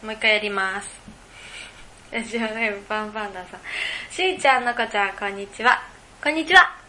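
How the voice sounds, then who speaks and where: A woman's voice: mid-range voice, fairly even intonation, brisk, pushed and bright, roomy sound, slight background noise. A woman hosting a casual podcast alone, reading listener mail and rambling with frequent giggles as she thinks aloud. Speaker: podcast co-host. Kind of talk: casual solo podcast chat.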